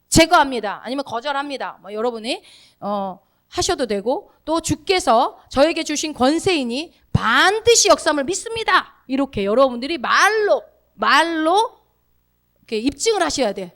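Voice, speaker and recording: Woman, preacher, sermon, conversational, questions to the congregation, somewhat high voice, very animated pitch. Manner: acts out spoken commands in short bursts.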